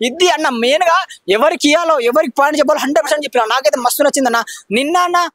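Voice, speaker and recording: A man's voice: very high voice, rapid-fire, fairly bright tone, no echo, clean studio sound. A man giving a heated street opinion, repeating words for emphasis. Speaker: street interviewee.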